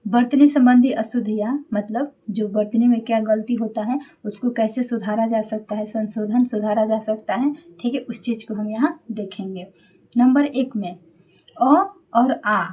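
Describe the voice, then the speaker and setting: A woman with a slightly high voice teaches a grammar lesson in a patient classroom manner. She goes over each point more than once, sounds words out syllable by syllable and keeps checking in with her listeners before moving on. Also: moderate pace, mellow, husky. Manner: repeats key points, checks in with "ठीक है" often.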